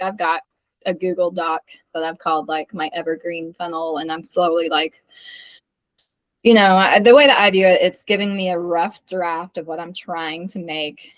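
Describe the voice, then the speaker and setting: A woman's voice: lowish voice, dry recording. A woman guest talking candidly and a bit ramblingly in a casual conversation. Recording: dull lo-fi sound.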